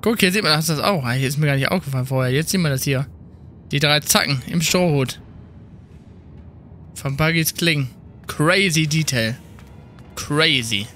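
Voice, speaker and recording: A man's voice: a little high, moderate pace, long pauses, sharp tone, soft background music. A male streamer giving casual let's-play commentary, chatting away and tossing in English slang.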